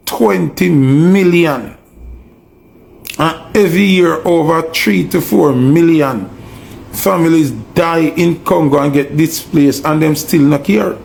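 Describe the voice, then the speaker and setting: Gravelly Jamaican man ranting. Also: on the high side, a little mellow. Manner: preachy, emphatic, fires repeated rhetorical questions. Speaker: online commentator. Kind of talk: ranting monologue.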